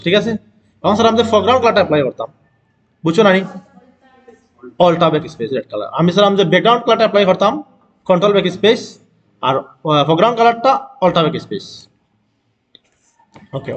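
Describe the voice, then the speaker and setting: A man teaching a design software class, repeating steps and often checking that his students follow along. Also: high-pitched, sing-song, very fast, long pauses, dull audio. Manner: keeps asking students if they follow; repeats steps and self-corrects. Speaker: design instructor. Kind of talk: screen-recorded software tutorial.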